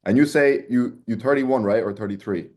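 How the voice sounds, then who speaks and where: A man's voice: mid-range voice, moderate pace, darkish tone. A man hosting a casual interview, talking in a loose, slangy way and calling his audience boys and lads. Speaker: host.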